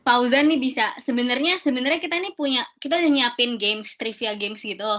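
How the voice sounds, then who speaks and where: A young woman with a slightly high, somewhat quick, fairly bright voice hosts a student Q&A over a video call, explaining things in a chatty way packed with fillers. The audio is dull, lo-fi video call sound.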